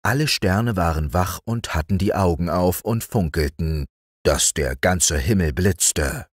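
A man narrating a fairy-tale audiobook in a calm, soothing bedtime reading voice. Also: low voice, measured pace, breathy edge, dry recording, clean studio sound. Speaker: storyteller.

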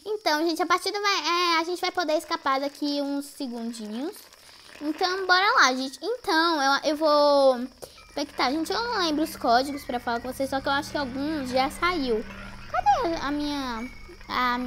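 High, bright, jumpy woman gamer. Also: expressive, moderate pace, a little hiss or hum. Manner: jumpy and easily frightened, shrieking at scares, constantly addressing viewers. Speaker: gaming YouTuber. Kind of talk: live gameplay commentary.

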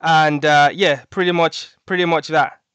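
A man's voice: fairly high pitch, steady tone, unhurried, fairly bright tone, smooth, dry recording, highs cut off. A male interview host welcoming a guest and asking rambling, friendly questions on a video call. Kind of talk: interview hosting. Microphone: headset on video call.

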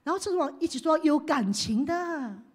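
Woman pastor, high voice, sermon that swings from hushed to loud. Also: expressive, normal speed. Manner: leads the congregation in call-and-response, swings from hushed to loud.

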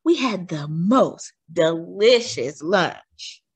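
A woman reading a children's picture book aloud as a teacher, expressive and animated. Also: fairly low pitch, extremely slow, breathy edge. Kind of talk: children's storybook read-aloud.

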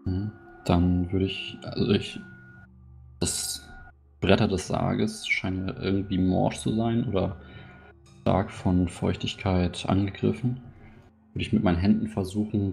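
A man's voice: deep voice, creaky, a little mellow. A man chatting casually as a player in a tabletop game, hesitant and thinking aloud.

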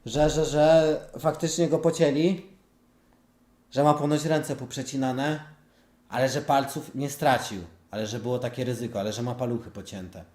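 A man with a missing front tooth, talking casually to viewers in a blunt, halting, sweary way. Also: mid-range voice, a little mellow. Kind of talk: casual vlog talk to viewers. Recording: echoey room.

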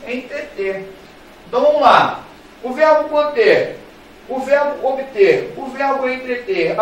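A man's voice: high-pitched, a little hiss or hum. A man with a Brazilian Portuguese accent teaching a grammar lesson, playful and repetitive, speaking straight to his students. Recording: very echoey room, voice far from mic.

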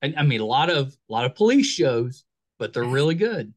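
A man's voice: mid-range voice, sing-song, a little fast. Easygoing middle-aged male podcast host. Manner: friendly, easygoing, with filler "you know" and restarts. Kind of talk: casual interview chat. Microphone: video call.

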